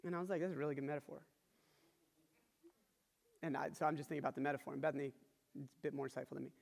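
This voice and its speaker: A man's voice: on the high side, fairly even intonation, racing, creaky. A man in his thirties preaching a sermon, telling a family story in an earnest, conversational way with frequent restarts. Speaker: pastor. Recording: long hall reverb.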